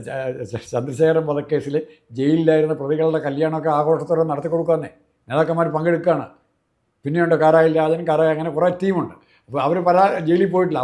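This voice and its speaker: A man, a political commentator talking fast and emphatically, piling up examples. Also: a little high, a little mellow. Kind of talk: political discussion.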